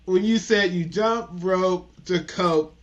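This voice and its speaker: Man, podcast host, high voice, enthusiastic, slightly dull recording. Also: takes it slowly. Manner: enthusiastic, addresses listeners as folks. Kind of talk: casual interview.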